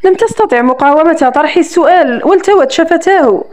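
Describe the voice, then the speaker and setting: A woman narrating a romance novel in a soft, emotive scripted reading. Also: very high-pitched, expressive, fast talker.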